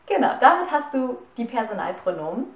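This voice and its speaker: A woman teaching a language lesson, reading example sentences slowly and carefully. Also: on the high side, very animated, recorded from a distance. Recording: echoey room, away from the mic.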